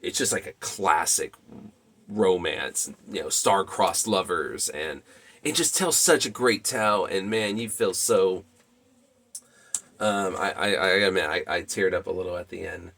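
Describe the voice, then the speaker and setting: A man with a fairly low voice talks through a movie review in an off-the-cuff way. He rambles, restarts his sentences and fills pauses with ums. His enthusiasm comes through in lively jumps in pitch. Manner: rambling, many fillers and restarts. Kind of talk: casual spoken review.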